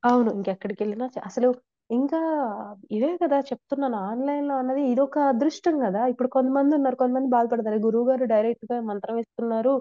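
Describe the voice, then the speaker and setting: A woman's voice: on the high side, fairly even intonation, fast, no room sound, lo-fi sound. A woman earnestly sharing her devotional experiences in a conversational interview, with frequent restarts. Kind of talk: conversational testimony.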